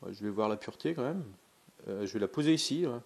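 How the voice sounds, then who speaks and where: A pendulum dowsing vlogger who has a cold casually demonstrates his practice, talking in a hesitant, chatty way packed with fillers and restarts. His voice is fairly low, gravelly and a little mellow, and he speaks fast and animatedly.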